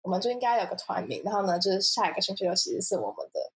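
A woman's voice: medium pitch, expressive, rapid-fire. A young woman, co-hosting a podcast, talking in a rambling, hesitant way with many restarts. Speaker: podcast co-host, social media manager. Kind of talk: casual chat.

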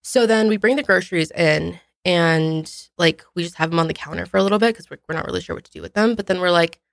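A woman's voice: lowish voice, fast talker, gravelly, no room sound, studio quality. A young woman co-hosting a podcast, animatedly telling a story from her weekend. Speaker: podcast co-host. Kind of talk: casual storytelling.

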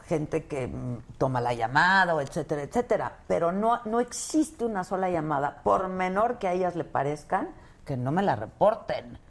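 Gravelly-voiced Mexican woman host. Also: lowish voice, lively intonation, normal speed. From Mexico City. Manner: playful, teasing interviewer. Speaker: talk-show host. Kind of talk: casual interview chat.

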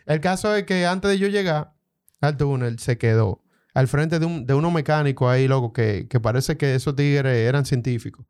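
A man's voice: mid-range voice, normal speed, darkish tone, clean tone. A young man with a Dominican accent casually telling a story to friends, full of street slang.

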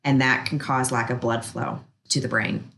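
A woman giving guided relaxation instruction in a gentle, soothing, unhurried way, as a bodywork practitioner. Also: very deep voice, little pitch movement, creaky, slight background noise.

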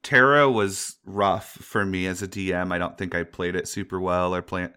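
Man, lowish voice, casual chat, tabletop game master. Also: fairly even intonation, moderate pace, pushed and bright, smooth. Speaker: game master, podcast host.

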